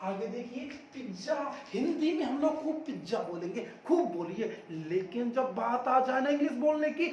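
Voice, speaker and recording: A man's voice: very high voice, darkish tone. A man teaching English pronunciation, repeating each word and quizzing the viewer before giving the answer. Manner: drills by asking and answering, repeats words emphatically. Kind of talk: spoken-English lesson. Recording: echoey room, mic at a distance, faint noise.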